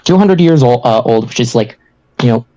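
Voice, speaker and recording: A man co-hosting a casual podcast, halting and full of fillers, with frequent swearing. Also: mid-range voice, lively intonation, dark tone, lo-fi sound. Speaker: podcast co-host. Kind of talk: casual chat.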